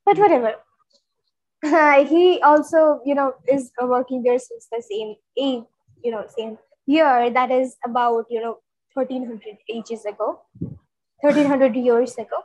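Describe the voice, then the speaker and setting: A woman co-hosting a casual book discussion, retelling chapters in an animated, stuttering way with frequent laughs. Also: sits high, unhurried, no room sound, low-quality recording. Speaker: book club co-host.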